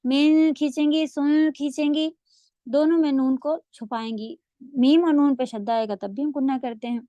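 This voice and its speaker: A high-voiced woman leads an online recitation lesson, drawing out each sound slowly and correcting pronunciation. Her voice sits close and dry, with no room around it. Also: dark tone, dry recording. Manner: instructive, repeats sounds slowly for students to copy; mixes English words into speech. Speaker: Quran recitation teacher. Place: online class.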